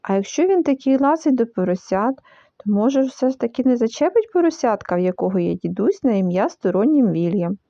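A woman reading a children's story aloud in an expressive, animated way. The recording is dull and lo-fi. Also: a little high, a little fast, no echo. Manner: lively, animated, full of voices.

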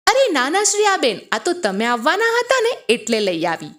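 A woman's voice: sits high, huge pitch swings, normal speed, fairly bright tone, pitched above the performer's own voice, exaggerated voice. Friendly welcoming sister-in-law, read by a woman.

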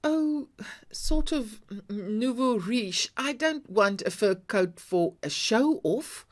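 Woman as proud shrewd wife, coaxing, chiding, lively lilting voice, storybook reading. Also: on the high side, slow, pitched above the performer's own voice. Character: shrewd, proud middle-aged Irish wife.

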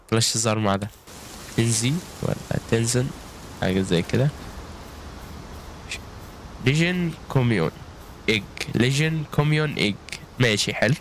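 A man's voice: medium pitch, a little hiss or hum. A man with an Egyptian Arabic accent giving chatty gameplay commentary, calling out to viewers with frequent exclamations. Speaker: gaming YouTuber.

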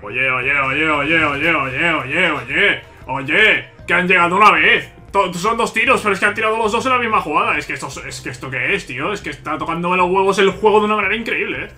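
A man's voice: high-pitched, brisk, few pauses, faint music behind. A man commentating his football video game as he plays, talking to viewers, often repeating himself and complaining that the game is unfair. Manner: frustrated, repetitive ranting at the game, swearing; bursts into loud excited shouts at big plays. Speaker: gaming youtuber. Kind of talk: live gameplay commentary.

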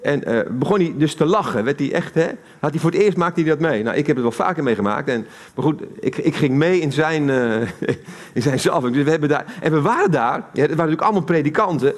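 A man's voice: fairly high pitch, lively intonation, quick pace. A man with a Dutch accent giving a live sermon in a church hall, talking conversationally and putting questions to the congregation. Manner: conversational, asks the audience questions. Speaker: preacher.

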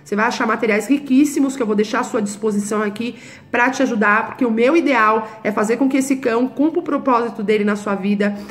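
A woman's voice: fairly high pitch, fast talker. A woman dog trainer, giving a direct, instructive talk to camera and checking in with her listeners.

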